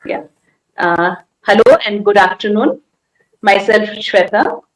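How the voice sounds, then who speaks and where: A woman from Nepal introduces herself as a guest on a casual livestream. She speaks earnestly in simple phrases at a mid pitch, and the echoey room rings around her voice. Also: expressive, slow pace. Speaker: guest panelist.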